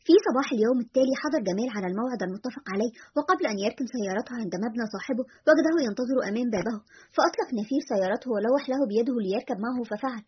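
A woman's voice: fairly high pitch, lively intonation, very fast, a little hiss or hum. A woman reading a story aloud as narrator and voicing the characters' dialogue herself. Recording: dull lo-fi recording.

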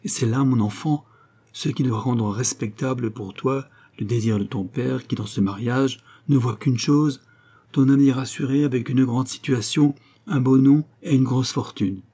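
A man reading the part of an aristocratic mother in an audiobook, pleading her case with measured, earnest persuasion. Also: mid-range voice, dark tone, close to an everyday voice. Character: devoted aristocratic mother, middle-aged woman, calm and firm.

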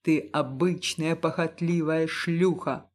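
A woman voicing a bitter, bedridden husband who shouts tearful accusations, in a lowered voice. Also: measured pace. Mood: furious. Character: bedridden, bitter, furious husband, male adult.

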